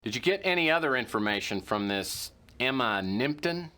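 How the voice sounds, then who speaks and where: A man's voice: mid-range voice, expressive, normal speed, bright, forceful tone, in a large hall. An actor playing a wisecracking hard-boiled male detective, narrating in a dry, sardonic noir style. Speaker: game narrator and lead character. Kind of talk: 1990s game voice acting.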